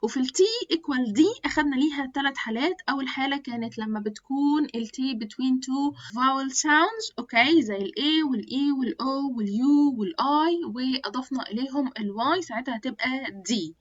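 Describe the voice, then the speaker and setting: A woman with an Egyptian Arabic accent teaching English pronunciation in an online lesson, drilling lists of English words and stretching them out slowly. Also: high-pitched, lo-fi sound.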